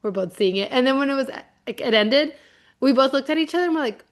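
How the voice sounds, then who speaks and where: A woman's voice: sits high, expressive, quick pace. A young woman co-hosting a podcast in casual chat, easygoing and giggly. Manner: casual, giggly, drops into whispers when retelling. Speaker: podcast co-host.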